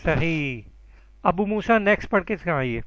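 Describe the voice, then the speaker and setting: High-voiced man teaching an online class. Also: lively intonation, fairly bright tone, dry recording, highs cut off. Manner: patient, encouraging, calls students by name. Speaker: Arabic teacher.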